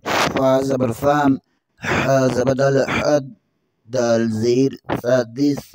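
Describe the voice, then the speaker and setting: A man teaching Quran recitation with tajweed, spelling out the verses letter by letter and chanting them slowly. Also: medium pitch, little pitch movement, no room sound. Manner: slow drawn-out recitation between brisk explanations.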